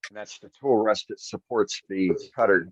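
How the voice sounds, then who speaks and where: A man's voice: lowish voice, moderate pace, no room sound. A man on a remote call, heard through a small speaker, giving casual directions with stumbling restarts. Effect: voice of a remote caller played through a small speaker. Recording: dull lo-fi dry speaker sound.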